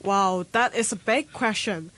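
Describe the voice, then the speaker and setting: A woman's voice: mid-range voice, unhurried, a bit bright. A woman from Hong Kong co-hosting a radio program, speaking in an earnest, reflective way. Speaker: radio co-host. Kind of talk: scripted radio show hosting.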